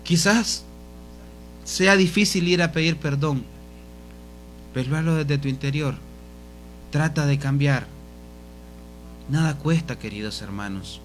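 A man preaching with fervor, urging the faithful on in a fairly high voice. His voice rises to plead and sinks low and soft each time he turns to the congregation. Gentle guitar plays faintly behind him. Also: slow pace, long pauses. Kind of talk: sermon.

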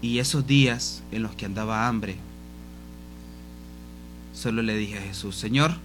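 A man preaching a sermon in a fervent, pleading way, his voice dropping soft each time he addresses the congregation. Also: lowish voice, a little slow, faint music behind.

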